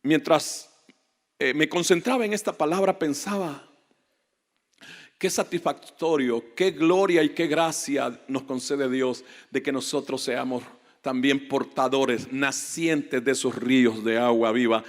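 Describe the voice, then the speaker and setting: A man preaching a fervent sermon as a guest pastor, rising to loud emphatic peaks. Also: medium pitch, measured pace. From Latin America. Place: church hall. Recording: echoey church hall reverb.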